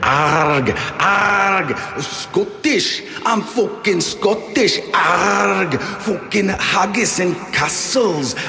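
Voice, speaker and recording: A man voicing a host's manic inner monologue that rambles and erupts into shouting, heard with a long echoey reverb. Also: low voice, pitched below the performer's own voice. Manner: rambling, erratic, bursts into shouting.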